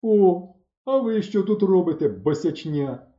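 A brash teenage village bully, as a male storyteller puts him on, loud and sneering, with a dark, warm tone and a lively, swooping pitch. His words stretch out slowly and scornfully. The recording sounds roomy and a little dull.

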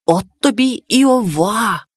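Storybook: woman doing a wise male dove friend, slow, patient explaining, lilting. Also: mid-range voice, expressive, breathy edge, no echo, clean studio sound.

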